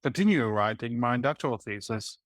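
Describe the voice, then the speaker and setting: A man from Latvia, in his forties, speaks in a mid-range voice. He answers interview questions thoughtfully, pausing on fillers and restarting sentences. The sound is dry and close. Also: mid-range voice, expressive, a bit bright, no room sound. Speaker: guest historian.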